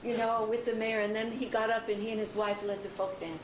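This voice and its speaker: A woman host introduces a guest to a seminar with a friendly story. Her voice is slightly high for a woman. The room is echoey, with a noisy background. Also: level tone, fast talker. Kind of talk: speaker introduction.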